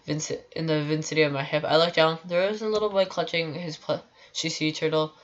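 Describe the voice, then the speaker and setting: A woman's voice: low-pitched, steady tone, fairly quick, muffled recording. A young woman reading a story aloud on a live stream, with frequent stumbles and restarts.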